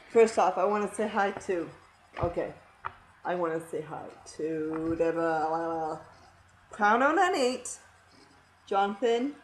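A woman in her thirties, hyper and giggly, gushing through a casual shoutout vlog. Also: mid-range voice. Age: 30s. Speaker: YouTube vlogger. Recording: roomy echo with faint noise.

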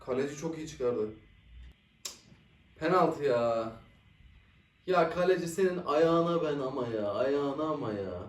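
A young man hosting a casual football reaction video, excitable and quick to swear and groan at the play. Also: fairly high pitch, recorded from a distance. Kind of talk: casual live match reaction. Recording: echoey room, voice a bit off-mic.

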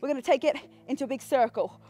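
A woman leading a workout class outdoors like an energetic aerobics instructor, counting down and urging people on. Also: sits high, fast talker, no echo. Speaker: fitness instructor leading a live home workout. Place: outdoors on a backyard pool deck. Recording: music playing behind the voice. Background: workout music.

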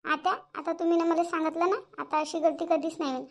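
A woman's voice: extremely high pitch, fairly even intonation, fast. A woman voicing a young daughter-in-law in a cartoon, polite and earnest, pleading and explaining herself. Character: young daughter-in-law, polite but standing her ground. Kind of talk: cartoon voice acting.

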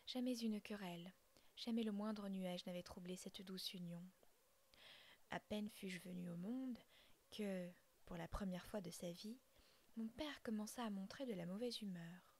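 A woman reading a classic tale aloud in a soft, unvoiced ASMR whisper. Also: mid-range voice, measured pace. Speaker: audiobook reader.

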